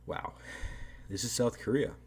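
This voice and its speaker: A man giving casual, rambling video commentary on a strategy game, hedging often and tagging thoughts with "right?". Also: measured pace.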